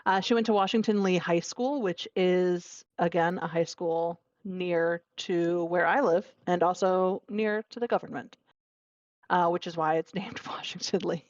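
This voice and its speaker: Speaking at a measured pace in a steady tone, this young podcast co-host from Virginia, United States, has a lowish voice. She still comes across chatty and enthusiastic in casual conversation, dropping many fillers. The recording is dry and sounds dull and lo-fi.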